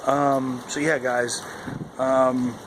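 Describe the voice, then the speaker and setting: Man vlogging outdoors in loud wind noise. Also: mid-range voice, flat delivery, drawn-out words. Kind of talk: casual vlog chat to camera. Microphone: handheld camera at arm's length. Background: howling wind noise.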